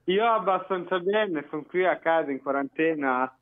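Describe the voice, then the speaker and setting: A man heard on speakerphone over a thin, phone-like line. He sounds easygoing and a little rambling, and he often repeats himself. His voice sits somewhat high for a man. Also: moderate pace. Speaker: caller. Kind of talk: casual chat. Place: at home.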